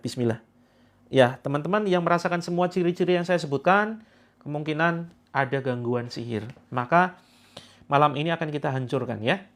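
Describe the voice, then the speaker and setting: A slightly high-voiced man runs a guided group healing session. He walks listeners step by step through the routine, repeating each instruction and coaxing them along. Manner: instructing, repetitive, coaxing viewers through steps. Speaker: spiritual healing coach.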